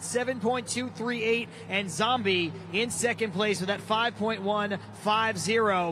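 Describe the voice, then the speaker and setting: A man working as an event announcer, giving hyped live arena commentary at a motorsport show. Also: high voice. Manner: hyped, drawn-out shouted driver introductions. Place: outdoor stadium. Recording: loud outdoor stadium with engine noise.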